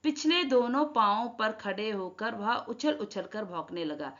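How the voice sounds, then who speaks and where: A woman's voice: mid-range voice, unhurried, fairly bright tone. Woman teacher glossing words, dull lo-fi sound. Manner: rereads each sentence, then glosses Hindi words in English; addresses children as she teaches. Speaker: Hindi teacher. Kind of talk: explaining a school lesson.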